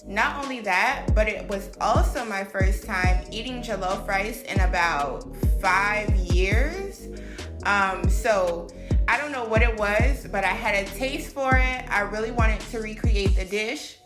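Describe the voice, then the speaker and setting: An American woman who makes cooking videos narrates her vlog in a chatty, upbeat way, with frequent fillers and laughter. Her mid-range voice is a little slow, and the recording has a roomy echo with background music.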